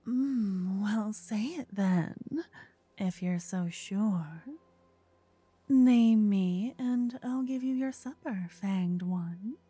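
A woman's voice: medium pitch, drawn-out words, mellow, slightly rough, no room sound. A woman voicing a teasing, possessive ghostly forest spirit in a whispered ASMR roleplay.

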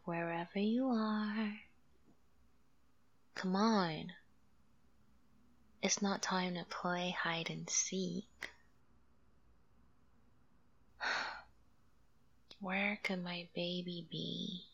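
Woman as a doting mother figure: low, gravelly, very slow and soothing. Slips into whispers. Dull lo-fi recording. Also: exaggerated voice. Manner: slow, soothing, coaxing with soft laughs. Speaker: audio roleplay performer. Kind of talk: soft-spoken audio roleplay, half whispered.

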